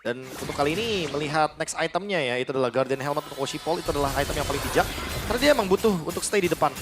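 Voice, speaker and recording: A man's voice: fairly high pitch, expressive, very fast. A man with an Indonesian accent giving analytical live commentary on an esports match. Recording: music behind the voice. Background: music.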